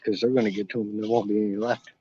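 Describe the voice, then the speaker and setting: A man in his thirties walks around his garden with his phone, chatting loosely to viewers and munching fruit between sentences. The sound is dull and lo-fi with no room echo. His talk is relaxed and rambling. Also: lowish voice, racing, husky. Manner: relaxed, rambling, chews fruit while talking. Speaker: gardening channel host. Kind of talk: casual live-stream chat. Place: outdoors in a home garden. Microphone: phone held in hand. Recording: dull lo-fi phone audio, dry.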